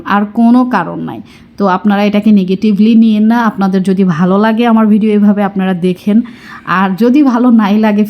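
Calm woman vlogger talking to viewers. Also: mid-range voice. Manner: calm, explanatory, addressing viewers directly. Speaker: family vlogger. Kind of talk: casual talk to camera.

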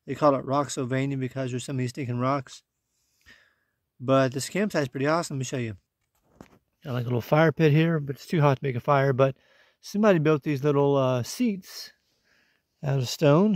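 Holding his phone at arm's length, a man in his forties talks easily while vlogging casually as a thru-hiker on a wooded mountain trail. He speaks at a normal speed with a medium-pitched, darkish voice, and there's no echo.

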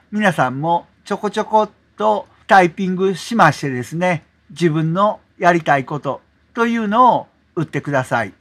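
A man hosting a software tutorial, explaining step by step in a polite manner, often adding 'desu ne' as filler. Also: sits high. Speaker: tutorial host. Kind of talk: screen-recorded software tutorial.

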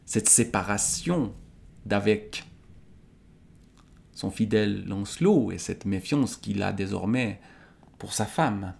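A man with a Swiss French accent reading a medieval romance aloud and pausing for thoughtful, halting commentary. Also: fairly low pitch, vocal fry, darkish tone. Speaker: literature book reviewer.

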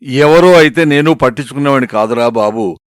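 A man's voice: medium pitch, a little fast, no room sound, clean studio sound, close to an everyday voice. A man doing a know-it-all friend. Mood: lecturing. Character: bossy advice-giving male friend on phone.

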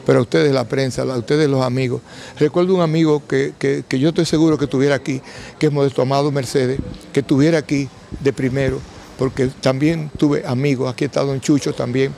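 An older Dominican man speaks with restrained, quiet grief to a handheld mic. His voice is gravelly and mid-pitched, and his delivery halts as he gathers words. A light layer of outdoor ambient noise sits behind him. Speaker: bereaved father giving a press statement. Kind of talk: on-camera interview. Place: covered entrance outside a building. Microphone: handheld interview microphone.

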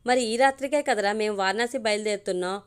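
A woman's voice: mid-range voice, fast, clean tone, lightly acted. A woman voicing a young man who questions his friend in surprise and exasperation, in a storybook reading. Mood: exasperated.

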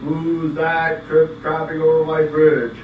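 In a roomy, hissy recording, a man plays a hungry storybook troll for a puppet show. He is menacing and stretches out his challenges slowly. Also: fairly high pitch, narrow, tinny audio, natural voice. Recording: echoey room, distant mic, steady hiss.

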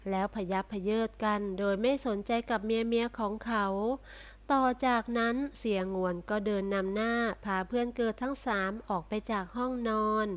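Fields: woman narrator. Style: read-aloud novel, steady. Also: on the high side, moderate pace. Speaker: story reader.

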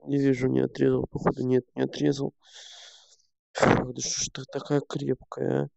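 A man's voice: medium pitch, monotone, moderate pace, creaky, darkish tone, no room sound. A young man streaming a game, grumbling and swearing to himself in casual commentary. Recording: dull lo-fi sound.

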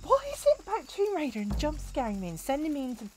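A woman's voice: sits high, wildly swooping pitch, fast, background noise. A woman streaming a game, reacting nervously and talking back to the game as she plays. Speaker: gaming streamer. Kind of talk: live game commentary. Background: game music and sounds.

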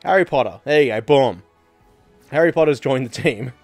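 A man hosting his own gaming channel, chatting casually over gameplay with lots of swearing. His voice is lively and leaps up in pitch when something happens. Faint music plays under him. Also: normal speed, no room sound. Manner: profane, excitable, swings to loud outbursts. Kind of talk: casual let's play commentary.

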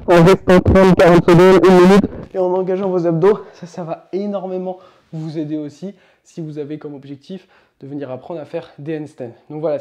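Man, yoga teacher, upbeat and coaching, mellow tone, slightly high voice. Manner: upbeat, coaching, counts slowly while demonstrating. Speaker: yoga instructor. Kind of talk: instructional demonstration.

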